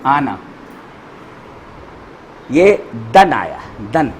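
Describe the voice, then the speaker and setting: Slow, lively man teaching grammar. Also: medium pitch, a little hiss or hum, rough recording. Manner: slow, repeats each word, spells out letters and vowel marks. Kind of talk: classroom grammar lesson.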